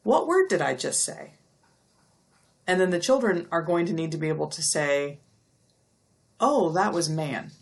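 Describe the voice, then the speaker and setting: A middle-aged woman giving a recorded lecture, explaining step by step and stretching out speech sounds slowly to demonstrate them. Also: sits low, sing-song, vocal fry. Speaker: university lecturer.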